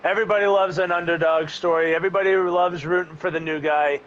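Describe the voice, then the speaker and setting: A high-pitched man with a very bright, forceful voice commentates live on racing as it unfolds. He has an excitable delivery, and the audio is dull and lo-fi with a faint layer of noise. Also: fast. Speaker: race commentator.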